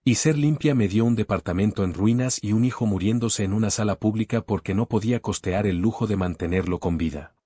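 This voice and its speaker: A man's voice: fairly low pitch, fairly quick, few pauses, mellow, slightly rough, no room sound, clean studio sound. A man voicing a fierce, devoted young mother who speaks firmly. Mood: intense. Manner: firm and commanding.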